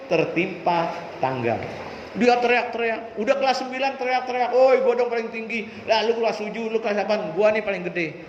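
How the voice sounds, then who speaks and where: A man giving a motivational storytelling talk to students, asking rhetorical questions. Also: sits high. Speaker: school orientation speaker. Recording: echoey hall, dull sound, faint noise.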